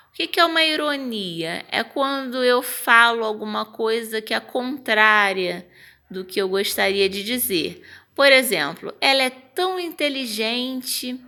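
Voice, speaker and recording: A woman teacher with a Brazilian Portuguese accent, patiently explaining punctuation step by step and acting out example phrases. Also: fairly high pitch. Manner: acts out example phrases with lively intonation. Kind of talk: online grammar lesson.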